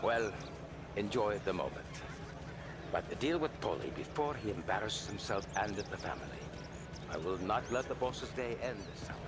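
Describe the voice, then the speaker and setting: An actor playing a calm, stern mob consigliere. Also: male voice, on the low side, normal speed, lightly acted. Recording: distant voice with background noise.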